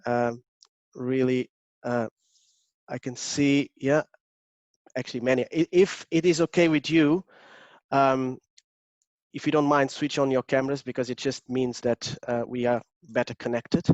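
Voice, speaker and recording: A man's voice: medium pitch, flat delivery, measured pace, long pauses, dry recording, muffled recording. A man from Portugal with a Portuguese accent, an agile coach giving an online workshop, hesitant with many fillers and restarts. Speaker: agile coach presenting a webinar. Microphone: video call.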